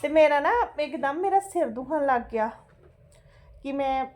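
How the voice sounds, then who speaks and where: A woman's voice: sits high, normal speed, a little mellow. A middle-aged woman with a Punjabi accent, chatting casually as a home vlogger in a fretful, exclamatory way, repeating herself and checking for agreement. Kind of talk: casual chatty storytelling to viewers.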